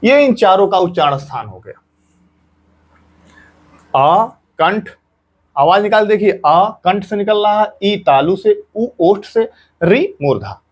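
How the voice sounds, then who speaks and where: High-voiced man teaching a grammar lesson. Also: animated, moderate pace. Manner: patient, repeats sounds aloud and drills students. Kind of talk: exam-prep Hindi grammar lesson.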